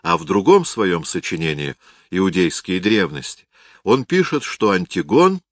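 A man narrating a historical novel as an audiobook reader, in a measured, dramatic reading. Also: lowish voice, wildly swooping pitch, vocal fry, fairly bright tone, no room sound, clean studio sound.

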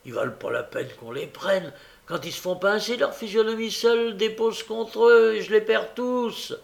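A male audiobook reader voicing a cunning, wheedling old man who stammers and fawns, sometimes dropping to a hush. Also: sits high, normal speed, creaky, pitched above the performer's own voice. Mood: evasive. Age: older. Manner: stammering, fawning, sometimes hushed. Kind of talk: audiobook character reading.

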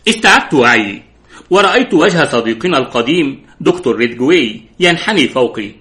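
A man's voice: medium pitch, animated, brisk, sharp tone. A man narrating a detective novel as an audiobook, reading steadily and giving the quoted dialogue only light voicing. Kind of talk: scripted narration.

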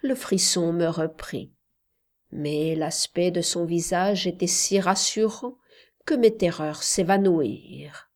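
A woman reading a literary novel aloud in a measured, intimate way that sometimes drops to a breathy near-whisper. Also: on the low side, darkish tone. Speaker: audiobook reader. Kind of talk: literary audiobook narration.

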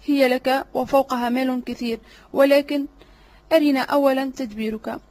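Woman reading a cranky threatening vizier guy, blustery, impatient, highish voice. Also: steady tone, quick pace, a little mellow. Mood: blustering. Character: irritable, threatening male vizier, middle-aged. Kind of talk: audiobook drama reading.

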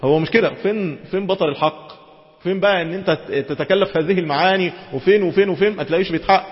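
A man with an Egyptian accent giving an Islamic lecture, switching between classical quotations and quick colloquial asides. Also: high voice. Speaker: preacher. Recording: dull lo-fi recording in a reverberant hall.

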